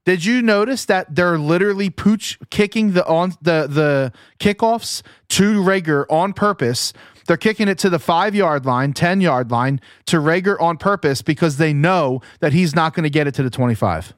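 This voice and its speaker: A man with a somewhat high voice co-hosting a sports podcast. He argues heatedly and swears for emphasis. The sound is dry and close. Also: normal speed, smooth, no room sound. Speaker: podcast co-host. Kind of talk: casual sports chat.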